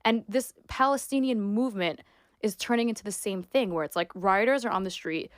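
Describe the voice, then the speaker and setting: A woman in her twenties from New York, a sports reporter and influencer, talks as a guest in a casual interview with a mid-range voice at a slightly fast pace. She is emphatic and opinionated, leaning heavily on "like," and the clean studio sound has no echo.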